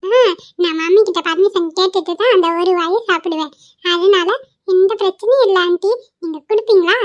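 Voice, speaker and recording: Someone voicing a chirpy, squeaky little boy. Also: fairly quick, no echo, muffled recording. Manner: chirpy, cheeky, polite. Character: sweet, clever little boy of about two. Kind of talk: amateur cartoon voice acting.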